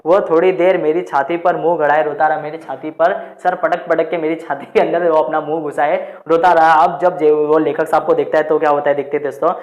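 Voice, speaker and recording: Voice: medium pitch, little pitch movement, brisk, few pauses, darkish tone, muffled recording. A teacher reading a textbook story aloud, repeating each sentence and explaining it in simpler words while talking to the listeners as friends. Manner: rereads each sentence, then restates it in plainer words; addresses listeners as friends, with frequent "let's move on" prompts.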